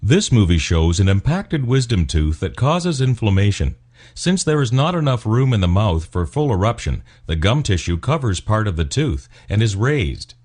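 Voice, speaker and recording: A man reading scripted instructional narration as a medical explainer, in a formal, measured, clinical way. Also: fairly low pitch, very animated, darkish tone, husky. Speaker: narrator of dental explainer videos.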